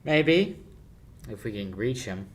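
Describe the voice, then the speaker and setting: A young adult amateur high school actor plays a cocky, wisecracking sleuth in the style of a 1940s radio drama, confident and needling. His voice sits on the low side, expressive, and he speaks at a slow pace.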